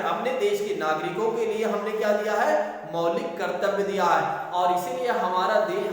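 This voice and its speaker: A man with a high voice gives an exam-prep lecture. He keeps turning his points into rhetorical questions and then answers them. He is heard from a distance in a very echoey room with a long reverb tail. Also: fairly bright tone. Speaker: teacher.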